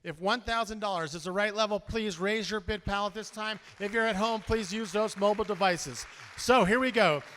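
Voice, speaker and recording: High, bright-voiced male auctioneer in a hall. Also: a little hiss or hum. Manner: energetic, rattles off bid numbers in a rapid auctioneer chant. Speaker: auctioneer and emcee at a charity gala. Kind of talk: live fundraising auction calling. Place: large event hall with a live audience. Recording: long reverb of a large event hall.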